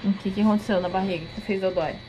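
A woman's voice: medium pitch, fairly even intonation, very fast, background noise. A woman in casual baby talk to her pets at home, cooing and repeating pet names in a sing-song way. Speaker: vlogger talking to her pets. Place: home with dogs around.

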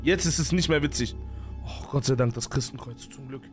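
A man's voice: mid-range voice, fairly quick, a little mellow, faint music behind. A man giving panicky, jumpy let's play commentary on a horror game, full of sworn exclamations. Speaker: gaming streamer.

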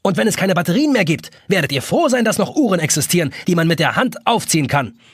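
A man's voice: high-pitched, very animated, quick pace, breathy edge, no echo, clean studio sound, voice pushed up, exaggerated voice. A man voicing a vengeful giant pocket watch villain that barks threats. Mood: menacing. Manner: threatening, barking proclamations.

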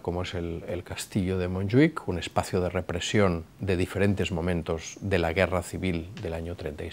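A middle-aged man giving a formal talk to camera from his office, speaking in a measured way with frequent hesitations, on a lapel mic. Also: deep voice. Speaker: director of a memorial institution, giving a talk. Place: office with a flag behind him.

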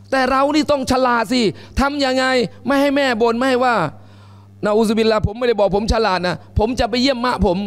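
A man giving a lively, joking Quran commentary lecture in a mosque, acting out mothers and babies as he talks. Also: extremely high pitch. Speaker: Islamic lecturer. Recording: reverberant mosque hall.

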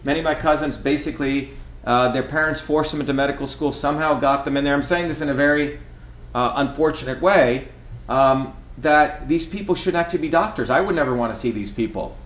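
A man's voice: on the high side, a little fast, a bit bright. A middle-aged man from India, talking while he cooks in his home kitchen, emphatic and lecturing, often asking "okay?" to drive his points home. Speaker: host. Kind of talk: casual talk while cooking. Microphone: camera across the kitchen. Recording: echoey kitchen room.

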